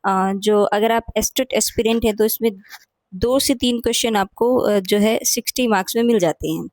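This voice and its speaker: A woman's voice: a little high, normal speed, darkish tone, no echo. A woman hosting an exam-prep lesson, explaining patiently and repeating key points with frequent "theek hai" checks. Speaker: teacher and channel host.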